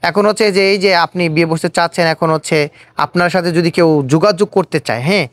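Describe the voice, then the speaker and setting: The interviewer, who has a Bangladeshi accent, uses a mid-range voice that runs a little fast in a dry recording. Hosting an informal on-camera street interview, he repeats answers back as questions.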